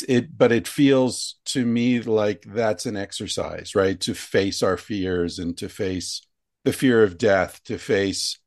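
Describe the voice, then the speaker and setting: A man with a lowish voice hosts a relaxed interview, thinking out loud and circling back over his words. His voice sits dry and close to the microphone. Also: no room sound. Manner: thoughtful, rambling with many restarts. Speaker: podcast host. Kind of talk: conversational interview.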